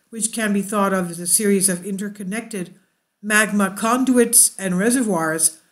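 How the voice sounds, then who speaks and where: A YouTube news host with a mid-range voice reads a science news piece steadily. Every so often she slips into unscripted asides, tripping over fillers and correcting herself before going back to the text.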